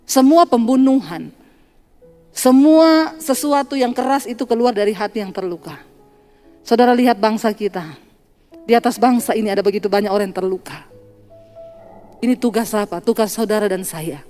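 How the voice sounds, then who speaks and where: Woman pastor, high voice, sermon storytelling, long hall reverb, faint music. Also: moderate pace, long pauses, dark tone. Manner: storytelling, acting out dialogue with laughter.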